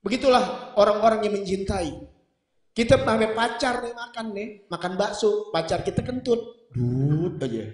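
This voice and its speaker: A man's voice: sits high, moderate pace. A middle-aged man preaching a sermon, mixing in jokes and acting out couples' dialogue. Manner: humorous, acts out quoted couples. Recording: echoey hall sound.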